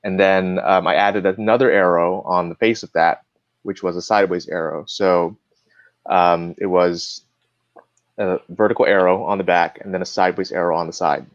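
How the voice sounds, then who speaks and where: A man's voice: deep voice, fairly even intonation, normal speed, no room sound. A man chatting as a guest on a live stream, explaining things in an easygoing way with plenty of fillers. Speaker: guest cardist. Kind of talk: casual live-stream chat. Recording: dull lo-fi dry sound.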